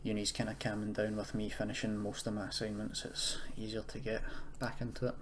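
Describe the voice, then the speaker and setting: Brisk and completely flat, a young man with a fairly low voice gives an offhand, unscripted coding tutorial as a university student. He hesitates and corrects himself while explaining, with keyboard typing and noise clearly audible behind him.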